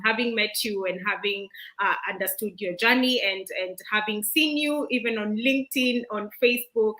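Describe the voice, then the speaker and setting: A woman's voice: fairly high pitch, sharp tone, low-quality recording. A woman from Kenya hosting a live online interview, chatty and eager, with many fillers and restarts. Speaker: host.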